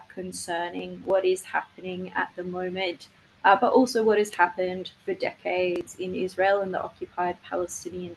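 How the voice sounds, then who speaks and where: A woman speaking as a campaigner, giving an earnest, measured and informal presentation on an online call. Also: medium pitch, low-quality recording. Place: online video webinar. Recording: noticeable faint background noise, online call.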